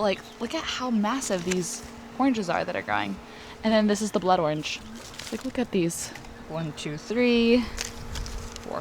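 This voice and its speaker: A young woman with a medium-pitched voice vlogs in a casual, chatty, rambling way, dropping "like" throughout. There's slight background noise.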